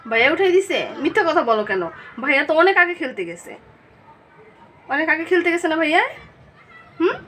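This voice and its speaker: A woman's voice: high-pitched, animated, a little fast, pauses often, sharp tone, a little hiss or hum. A young mother at home talking to her little child in a playfully scolding way, asking the same questions again and again, recorded on a phone. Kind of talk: casual home vlog scolding.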